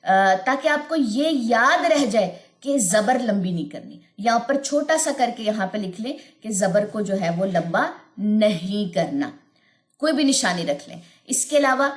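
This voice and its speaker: A woman teaching tajweed, explaining patiently with repeated points and chanting verses slowly. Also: mid-range voice, lively intonation, roomy sound. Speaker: Quran recitation teacher. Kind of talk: tajweed lesson with chanted recitation.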